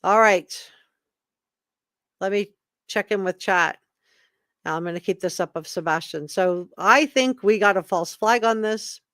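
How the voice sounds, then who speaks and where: A woman's voice: medium pitch, unhurried, pauses often, fairly bright tone, no room sound, clean studio sound. A woman hosting a live commentary stream, reading statements aloud emphatically with opinionated, informal asides. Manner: emphatic, repeats key words for effect; opinionated, informal asides between read passages. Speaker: livestream host commentator.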